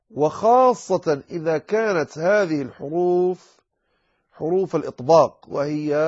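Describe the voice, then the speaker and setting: A man teaching the rules of Quran recitation in an explanatory lecture, slowing down to recite examples with drawn-out words. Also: on the high side, darkish tone, breathy edge, muffled recording.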